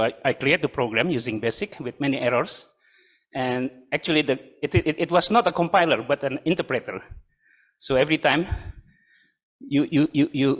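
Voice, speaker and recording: An older man from Indonesia giving a university lecture in a room, halting with many fillers and joking asides. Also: medium pitch, a bit bright. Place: lecture room with a live and online audience.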